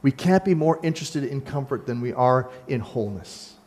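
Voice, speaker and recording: A man preaching a sermon as pastor, animated and speaking straight to his congregation, acting out the voices he quotes. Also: mid-range voice, moderate pace. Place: church sanctuary. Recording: long hall reverb.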